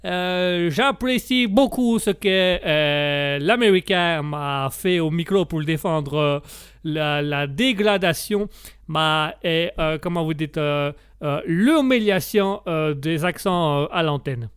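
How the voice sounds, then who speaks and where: A man puts on a chatty Italian man who makes pasta. He speaks in a thick put-on Italian accent with a smooth, slightly high voice, slow and halting, and leans on "ma" between phrases. The sound is close and dry. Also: a bit bright, no echo. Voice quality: slow and halting, fills gaps with "ma".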